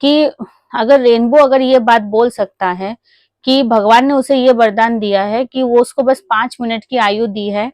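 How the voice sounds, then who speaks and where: A woman tells a gentle moral story straight to her viewers, calling them friends and padding her sentences with small fillers. Her voice sits a little high. The sound is dry and close, with no room echo. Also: a little slow. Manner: chatty, addresses viewers as friends, many fillers; gently acts out a child's excited calls to her mother. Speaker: vlogger telling a moral story. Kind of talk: casual storytelling.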